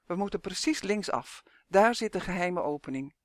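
A man's voice: sits high, animated, moderate pace, no room sound, studio quality. A man voicing an anxious but clever young boy hero in a read-aloud fantasy story, speaking earnestly.

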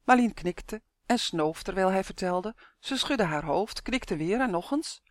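A woman reading a children's fantasy story aloud in a calm, even-paced narration. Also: medium pitch, a little slow, dry recording, clean studio sound. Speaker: audiobook reader.

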